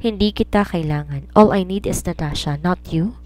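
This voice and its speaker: A woman voices an angry, drunk young man in an audio romance story as he coldly pushes a woman away, cutting and shouting. She uses her natural, fairly low voice at normal speed.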